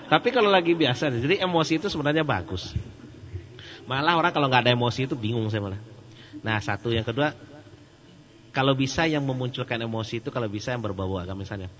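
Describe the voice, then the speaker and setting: A man giving a casual question-and-answer sermon, joking and animated. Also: mid-range voice, quick pace, pauses often, long reverb tail. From Sumatra. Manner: joking and animated, laughs at his own jokes. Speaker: Islamic preacher. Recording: muffled lo-fi recording with faint hum.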